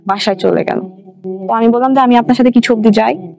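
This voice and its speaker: A young woman with a Bangladeshi Bengali accent tells her own story colloquially as an interview guest, mixing in English words. Her voice is a little high, gravelly and slightly mellow, and she talks quickly over background music.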